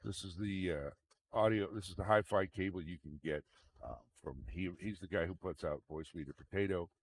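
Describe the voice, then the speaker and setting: A man giving a casual, unscripted tech demonstration, rambling and repeating himself, with a gravelly voice. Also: deep voice, fairly quick. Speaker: tech video host. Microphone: microphone into computer audio mixer. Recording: very noisy microphone with fan noise. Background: fan running.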